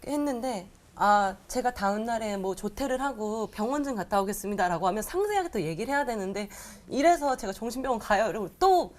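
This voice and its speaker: A woman's voice: a little high, fairly quick, few pauses. A woman comedian sharing a personal testimony, telling it vividly and acting out the voices of the people in it. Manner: animated storytelling, acting out quoted voices.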